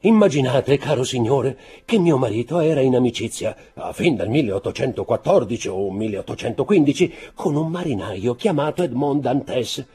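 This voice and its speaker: A man's voice: mid-range voice, animated, normal speed, few pauses, mellow, breathy edge, faint music behind, pitched above the performer's own voice. A man voicing a sickly, anxious woman, an innkeeper's wife, speaking urgently in an audiobook. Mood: telling.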